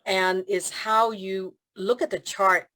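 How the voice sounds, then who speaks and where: A woman from Hong Kong, working as a feng shui consultant, speaks slowly in a mid-range voice during a casual video-call interview where she's the guest. She laughs a lot and brings her stories to life with quoted voices.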